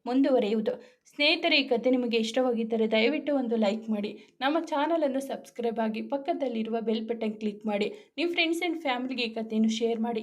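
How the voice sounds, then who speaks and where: Higher-voiced woman reading a serial story. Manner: reads dialogue lines of all characters in her own voice. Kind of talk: scripted story narration.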